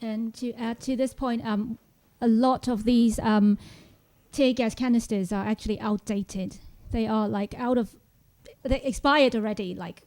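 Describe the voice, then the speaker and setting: A woman from Hong Kong speaks on a panel with a fairly high but mellow voice. She talks haltingly, leaning on "like" between phrases. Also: fairly even intonation. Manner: halting, with many "like" fillers. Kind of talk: panel talk.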